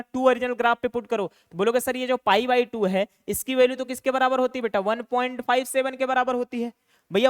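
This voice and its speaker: Speaking very high, with a clear, resonant tone, a young man teaches maths online to students preparing for exams. He's chatty and brisk, calls them "beta" and "bhaiya," and supplies answers to his own questions. It's studio quality, with no room sound.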